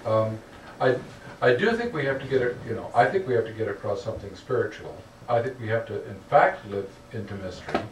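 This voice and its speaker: Man answering questions at a public talk, earnest, roomy hall, distant mic, faint noise. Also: medium pitch. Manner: earnest, repeatedly asks "okay?". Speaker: lecture speaker answering questions.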